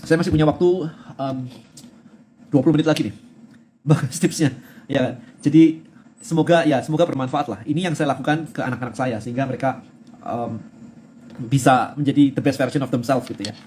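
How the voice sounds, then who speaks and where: Fast-talking man giving a lively talk. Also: medium pitch, slight background noise. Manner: mixes English words into casual speech. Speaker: host. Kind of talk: live-stream talk on mindset.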